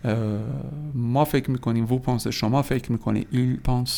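A young man teaching a language lesson on a podcast, explaining step by step with frequent pauses and filler sounds. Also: medium pitch, steady tone, mellow. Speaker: French teacher. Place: indoors near a window.

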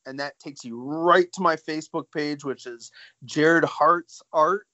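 A man's voice: fairly high pitch, measured pace, pushed and bright, dry recording, dull audio. A young man talking as a guest artist in a casual chat, jokey and chatty. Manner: jokey, chatty, laughs easily.

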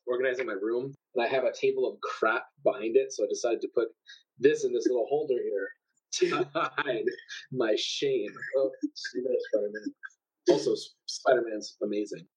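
A man's voice: medium pitch, moderate pace, breathy edge, low-quality recording. A man chatting casually with friends as a regular on a gaming podcast. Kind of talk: casual chat.

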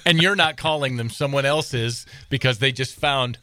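An American man hosting a podcast in casual, upbeat chat, with an animated, excited delivery. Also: mid-range voice, normal speed, clear, resonant tone, dry recording. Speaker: podcast host.

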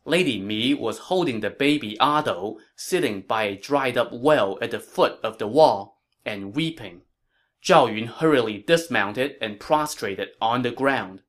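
A man narrating a historical tale in a measured, dramatic storytelling manner. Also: medium pitch, animated.

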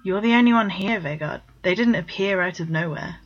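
A woman's voice: fairly low pitch, brisk, faint music behind. A woman voicing a suspicious, foul-mouthed young man who is short with his brother, on a dull lo-fi recording. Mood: impatient. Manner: blunt, gruff, swearing.

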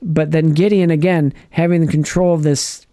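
A man chatting casually on a podcast, retelling a TV episode with lively acted-out lines and frequent restarts. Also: a little high, moderate pace, no echo. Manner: animated storyteller, acts out characters' lines, restarts often. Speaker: podcast co-host. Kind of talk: casual chat recapping a TV episode.

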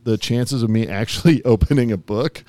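A man's voice: mid-range voice, moderate pace, warm tone, dry recording. A man chatting casually with his young daughter as host, teasing and easygoing. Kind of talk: casual chat.

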